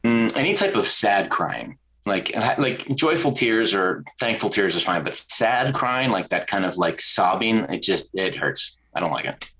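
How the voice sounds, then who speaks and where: A man's voice: on the low side, a little slow, low-quality recording. A man being interviewed as a creative director, telling stories in a casual chat and acting out the voices of people he quotes. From American South. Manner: animated storyteller, acts out quoted voices. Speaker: podcast guest, creative director.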